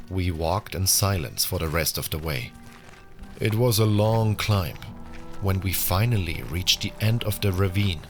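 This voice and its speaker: A man playing a newly arrived, wary prison inmate who narrates his own story in a measured audio drama style. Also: low-pitched. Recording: music under the voice.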